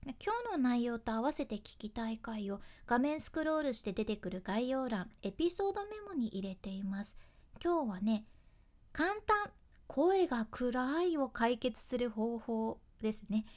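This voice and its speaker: A woman's voice: a little high, lively intonation, unhurried. A woman with a Hakata accent, hosting a radio voice lesson and explaining step by step in a chatty, friendly way. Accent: Hakata dialect. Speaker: radio host and voice coach.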